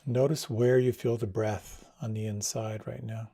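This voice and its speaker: A man guiding a meditation in a slow, soft and soothing way. His voice is low-toned and mellow, with a gravelly edge of vocal fry. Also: little pitch movement. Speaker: meditation guide. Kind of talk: guided meditation.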